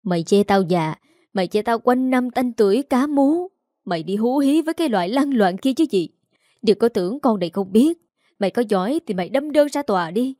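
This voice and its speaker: Woman voicing a shrill furious village wife. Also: expressive, a little fast, mellow, no room sound, clean studio sound, natural voice. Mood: scornful. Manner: screeching, cursing. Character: shrill furious middle-aged wife, jealous.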